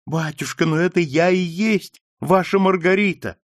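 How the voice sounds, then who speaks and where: A man voicing a desperate young daughter, high and tearful. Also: moderate pace, dry recording, clean studio sound, close to an everyday voice. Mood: pleading. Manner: tearful high pleading cries.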